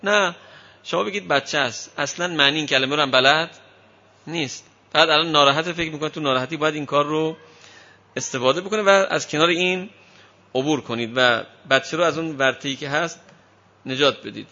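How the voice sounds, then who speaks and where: A man with a fairly high, bright voice gives a parenting talk to an audience. He tells his points as lively stories and slips into quoted parents and children. The recording is dull and lo-fi. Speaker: parenting lecturer. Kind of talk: speaking to an audience on child upbringing.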